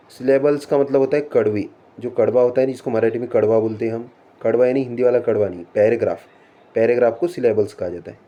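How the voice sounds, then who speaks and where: मराठी लहजे वाला गहरी आवाज़ का शिक्षक. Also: male voice, mid-range voice, mellow. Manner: reads English rules slowly, then explains in Hindi with rhetorical questions. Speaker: English teacher. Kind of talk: classroom lesson explaining punctuation.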